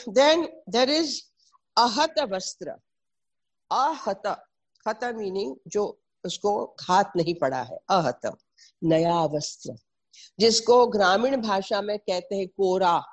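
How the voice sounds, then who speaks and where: A middle-aged woman speaks with a North Indian accent at a medium pitch. She explains things informally in a teaching manner, moving between English, Hindi and Sanskrit and restating key terms. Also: expressive, very fast. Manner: didactic, spells out and repeats terms. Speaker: presenter explaining traditional Indian textiles.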